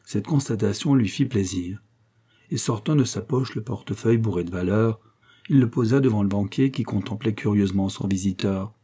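A low, husky-voiced man narrating. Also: moderate pace, warm tone. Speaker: audiobook reader. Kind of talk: scripted narration.

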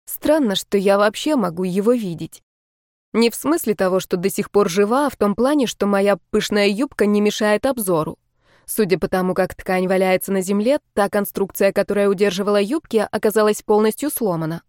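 A woman narrates a first-person fantasy audiobook in a steady, even reading voice. Her pitch sits in the middle. The sound is close and dry, with no room echo. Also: brisk.

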